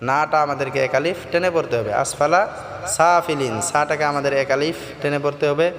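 A man teaching Quran recitation in a tajweed lesson, explaining each sound and then chanting the verses slowly and melodically. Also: fairly high pitch, fairly even intonation, crowd noise. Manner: slow drawn-out melodic chanting between spoken explanations. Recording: long reverb with faint background music.

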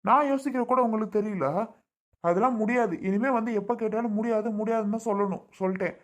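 A woman's voice: a little high, fast. A woman speaking in an indignant, insistent, scolding way in a family skit. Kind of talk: family drama acting.

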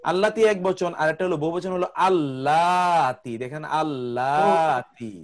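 Higher-voiced man teaching grammar slowly. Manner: patient, repeats word lists slowly for drilling. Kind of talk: online class lecture.

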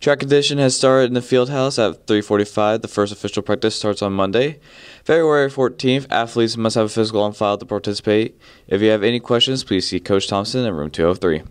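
A teenage boy delivers scripted sports announcements. His voice is lowish and crisp, recorded dry on a handheld mic. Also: a little fast, no room sound. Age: teens. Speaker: student sports reporter. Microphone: handheld microphone.

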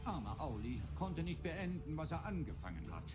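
An actor playing a whimsical, gleefully cruel mad god in a video game, theatrical and erratic. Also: male voice, on the high side, big pitch swings, moderate pace, music in the background. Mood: theatrical, playful menace. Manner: theatrical, erratic, wildly swooping delivery. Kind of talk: video game character acting.

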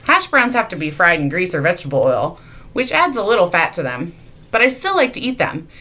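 Lively, bright-voiced woman teaching children. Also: on the low side, fairly quick. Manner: playful, teasing, asks the audience questions. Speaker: children's sermon leader. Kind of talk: children's object lesson. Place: church sanctuary.

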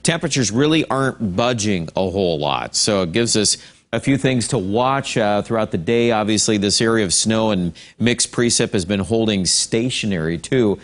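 A male TV meteorologist giving a relaxed, conversational weather forecast. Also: lowish voice, normal speed. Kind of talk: casual broadcast weather forecast.

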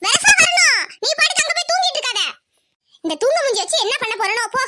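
A woman's voice: very high-pitched, expressive, very noisy. Woman voicing a bossy village mother. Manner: brisk, scolding.

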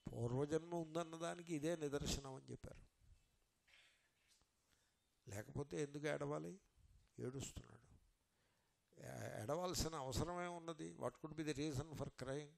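A man giving a scripture lecture as a Vedanta teacher. He explains step by step, asks rhetorical questions and recites Sanskrit verses slowly. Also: a little high, vocal fry.

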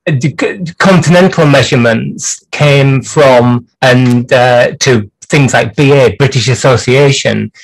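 A man's voice: medium pitch, poor audio. A man hosting a clock repair livestream from his workshop bench, chatting through the work with dry jokes and lots of hesitations.

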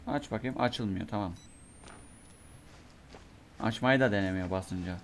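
A young man giving let's play commentary on a horror game, talking to himself and cursing in bursts, his voice going hoarse from a sore throat. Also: on the low side, a little slow, slight background noise. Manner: mutters to himself, curses and reacts in bursts. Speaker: gamer playing a horror game.

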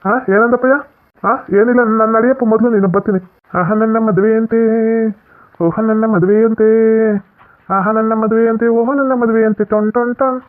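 A man playing a childish, lovesick madman son in a village comedy skit, insisting and whining fast. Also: very high-pitched, steady tone. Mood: insistent. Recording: tinny phone-like lo-fi audio.

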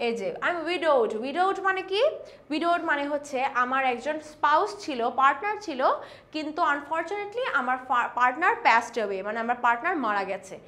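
A young woman with a Bangladeshi accent teaching spoken English online, mixing Bengali explanations with slow, carefully spoken English example sentences. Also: sits high, expressive, sharp tone. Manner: mixes Bengali with English, reads English examples slowly and deliberately. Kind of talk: online lesson.

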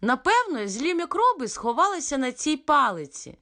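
A woman voicing a boastful little male tiger cub in a storybook reading, with a high, excitable voice. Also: moderate pace, full character voice. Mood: excited.

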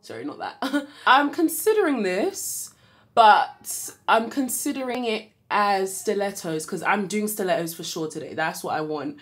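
A woman's voice: mid-range voice, unhurried. Chatty young woman vlogging. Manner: chatty and excitable. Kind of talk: casual vlog talk to camera.

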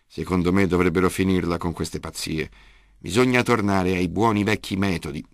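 Brief: gravelly stubborn old grandfather, read by a male narrator, deep and rough. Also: steady tone, moderate pace, dry recording, clean studio sound. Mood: indignant. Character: gruff grandfather, older man, stubborn and loud. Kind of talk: audiobook character reading.

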